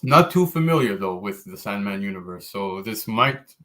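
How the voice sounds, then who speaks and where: Male podcast host, low voice, relaxed and enthusiastic, casual chat. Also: moderate pace. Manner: laid-back, enthusiastic, frequent fillers.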